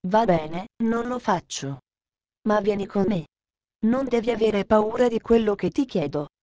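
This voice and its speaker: A woman voicing an eager little mountain girl, bold and warm, who talks in an urgent, insistent way. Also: medium pitch, animated, unhurried, lo-fi sound, close to an everyday voice. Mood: soothing.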